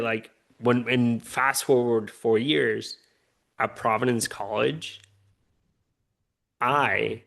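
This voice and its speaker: A man's voice: medium pitch, creaky. Earnest man. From Puerto Rico. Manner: earnest, upbeat, repeats "right?" often. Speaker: guest. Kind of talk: conversational interview.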